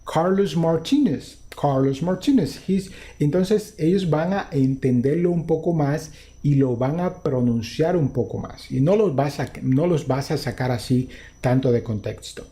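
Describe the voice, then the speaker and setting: A man's voice: mid-range voice, unhurried, mellow. A young Latin American man giving a casual English lesson, patiently explaining and repeating example phrases. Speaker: English teacher.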